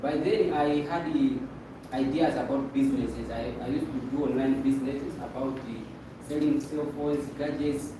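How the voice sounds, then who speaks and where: A man's voice: mid-range voice, steady tone, moderate pace. A young man from Malawi telling a seminar audience how he got into a business, casual and joking. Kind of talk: testimonial talk to an audience. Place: meeting room with a projector. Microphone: far camera. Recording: echoey room from far off, noisy.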